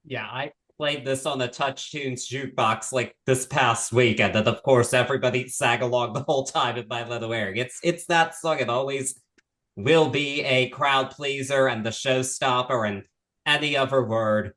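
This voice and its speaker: A chatty man co-hosting a podcast about albums, with a voice of ordinary middle pitch. He is opinionated and readily laughs at his own slips. The delivery is relaxed and conversational. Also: moderate pace. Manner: chatty, self-deprecating, opinionated. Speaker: podcast co-host. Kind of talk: casual music discussion.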